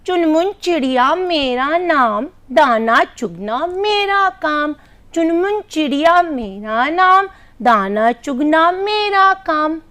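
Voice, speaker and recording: A woman voicing a small trapped female sparrow in a slow sing-song chant, in a story told to children. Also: high voice, lively intonation, a bit bright, exaggerated voice. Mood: cheerful.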